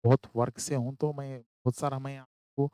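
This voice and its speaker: A tired man teaches a casual spoken English test lesson, slowing right down to read example sentences word by word. His voice sits at an ordinary middle pitch. The recording is dry and close, with no room sound. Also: little pitch movement, dark tone, dry recording.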